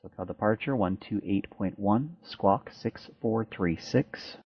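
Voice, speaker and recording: A man working as an air traffic controller, reading out clearances in brisk, clipped phrasing over an aviation radio transmission. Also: on the low side, dry recording. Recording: muffled dry radio audio.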